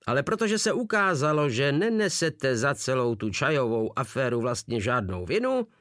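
A man's voice: medium pitch, big pitch swings, fairly bright tone, no room sound, clean studio sound. A man voicing a small, pompous old field marshal who spits out his words with contempt, in an audiobook reading. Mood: scornful.

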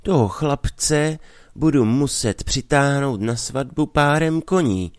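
A man reading a story aloud, voicing a pushy middle-aged marriage broker who coaxes in a drawn-out, sing-song way. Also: medium pitch, no echo, studio quality, voice pushed up, lightly acted. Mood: coaxing.

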